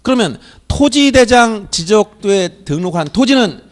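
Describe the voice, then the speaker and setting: A man's voice: high voice, expressive, moderate pace. A middle-aged man giving an exam prep lecture, drilling his students with repeated questions that he answers himself. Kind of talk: classroom lecture.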